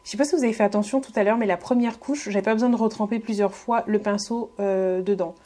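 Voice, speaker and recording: Fast and warm, this woman's mid-range voice keeps a fairly even intonation. As a beauty vlogger narrating a casual tutorial, she talks to viewers in a friendly, hesitant way, filled with fillers and restarts.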